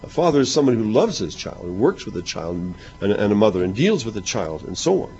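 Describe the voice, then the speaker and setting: A man's voice: on the low side, very animated, fast talker, vocal fry, dark tone, faint music behind. A man preaching a sermon to his congregation. He talks conversationally, repeats himself and asks rhetorical questions. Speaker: minister. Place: church hall. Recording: muffled lo-fi recording.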